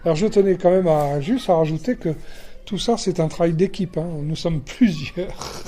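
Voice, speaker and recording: A man's voice: on the high side, normal speed, dark tone. A man answering casually in an interview as a troupe's spokesperson.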